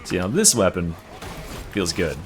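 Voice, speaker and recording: A man's voice: low voice, big pitch swings, a little slow, music in the background. A young man giving casual gameplay commentary, explaining a build in a loose, swearing way with lots of fillers. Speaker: game build guide creator.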